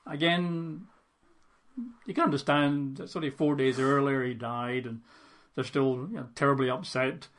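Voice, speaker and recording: A man's voice: medium pitch, fairly even intonation, a little slow, fairly bright tone. A man teaching from the Bible, reading the passage aloud and breaking off into conversational commentary with fillers and asides. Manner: conversational asides with fillers, dramatizes quoted lines.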